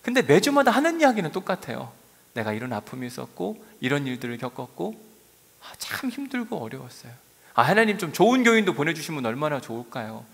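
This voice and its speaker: A middle-aged man preaching from the pulpit, his pitch rising and falling with animated storytelling. He drops into soft asides, then lifts his voice to drive a point home. A long reverb trails his words through the church sanctuary. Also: quick pace, creaky, breathy edge. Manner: storytelling, lively swings between soft asides and raised emphasis. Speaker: pastor. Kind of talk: sermon.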